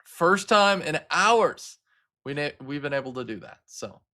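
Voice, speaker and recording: A man's voice: fairly high pitch, expressive, a little slow, sharp tone. A man from Arkansas, hosting live weather coverage in a casual, chatty way, talking straight to his viewers. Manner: casual, chatty, talks to viewers as guys, frequent fillers. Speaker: livestream weather host.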